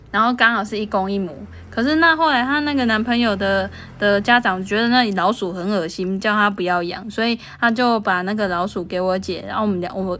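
A young woman with a Taiwanese Mandarin accent, chatting and telling a childhood story in a casual podcast. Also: medium pitch. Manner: giggly, animated storytelling. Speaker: podcast co-host.

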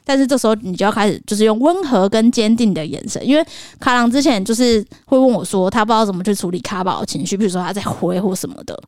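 Fast-talking woman podcaster. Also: medium pitch, no room sound, clean studio sound. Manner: animated, acts out child and teacher lines. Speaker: podcast co-host. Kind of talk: casual chat.

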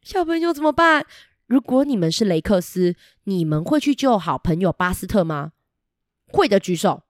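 A woman with a Taiwanese Mandarin accent reading a picture book aloud to children, asking them lively questions. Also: fairly low pitch, normal speed, no echo, clean studio sound. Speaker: children's storyteller.

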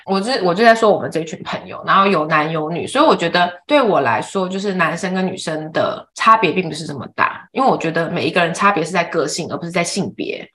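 A woman's voice: fairly low pitch, fairly bright tone. A woman in her thirties from Taiwan, co-hosting a podcast and telling personal stories in casual chat, with frequent restarts. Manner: storytelling, many restarts and fillers. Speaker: podcast co-host.

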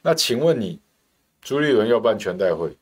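A man's voice: fairly low pitch, sing-song, moderate pace, husky. A middle-aged man from Taiwan hosting a political talk show, delivering a scornful, heated monologue full of hammering rhetorical questions.

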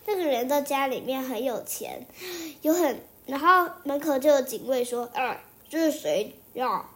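A woman's voice: sits high, normal speed, fairly bright tone. A young child, likely a girl, narrating an improvised story in a rambling way, restarting sentences and repeating phrases in a singsong. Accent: Taiwanese Mandarin.

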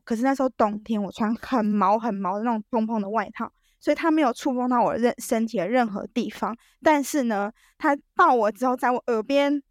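A woman telling a story as a podcast guest, animated and full of restarts. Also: a little high, fairly quick, few pauses, no room sound, studio quality. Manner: animated, acts out quoted dialogue, frequent restarts.

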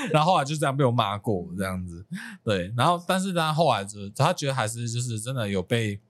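A man's voice: medium pitch, fast talker, no room sound. A middle-aged man from Taiwan, a podcast host and retired career NCO, telling army stories in casual chat over drinks, laughing often and acting out his old scolding. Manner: animated storytelling, laughs often, acts out scolding.

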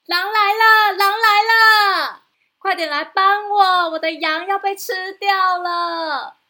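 Lady doing a shrill little shepherd boy, cheeky and loud, storybook style. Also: slow pace, heavily acted. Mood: panicked shouting. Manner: shouting, laughing teasingly. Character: mischievous young shepherd boy.

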